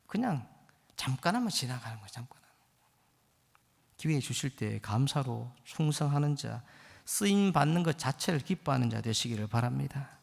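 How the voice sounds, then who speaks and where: A man's voice: on the high side, gravelly, pushed and bright. A man in his fifties, a guest pastor preaching a sermon with impassioned, rising exhortation in a church sanctuary. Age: 50s. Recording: long church hall reverb.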